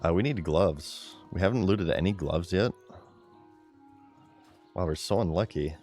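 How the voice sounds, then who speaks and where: Male streamer, deep voice, excitable chatty play-by-play with soft music underneath. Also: a little slow. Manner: excitable, chatty, talks to his chat. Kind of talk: live gameplay commentary.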